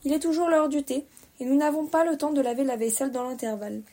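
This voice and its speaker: Woman reading a contrary male hatter, storybook, brisk, scornful, fairly high voice. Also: fairly even intonation, warm tone, close to an everyday voice. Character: proud, contrary male hatter at a tea party.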